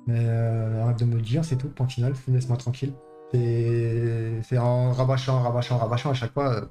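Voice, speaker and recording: A man's voice: medium pitch, level tone, normal speed, mellow, soft background music. A man in heated, slangy banter, curt and irritable, swearing often and repeating himself.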